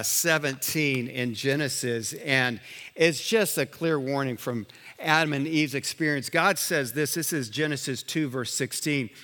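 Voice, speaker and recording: Male pastor, grew up in Liberia, bright forceful sermon voice, lively and chatty, long church-hall reverb. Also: on the high side. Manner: animated preaching with restarts and asides.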